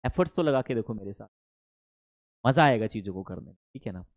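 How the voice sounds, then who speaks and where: A man's voice: on the low side, brisk, no echo. A man with an Indian accent teaching a spoken English lesson online, coaxing his students and often checking that they follow. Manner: animated, coaxing, repeats "ठीक है ना?".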